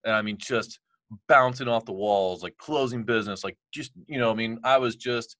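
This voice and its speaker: A man telling a personal story in a casual chat, animated, quoting people and using lots of fillers. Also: medium pitch, normal speed, no echo. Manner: animated, quotes others, many fillers like "like" and "you know". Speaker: guest telling his story.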